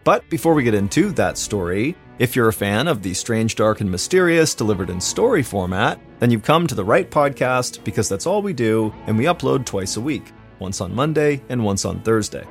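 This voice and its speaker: A man's voice: medium pitch, big pitch swings, moderate pace, creaky, soft background music. An American man narrating a true crime story as a podcast host, in a scripted storytelling style.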